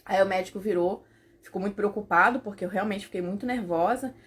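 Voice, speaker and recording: A young adult woman telling a personal story in a vlog, emotional and animated, with lots of fillers. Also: mid-range voice, quick pace. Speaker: vlogger.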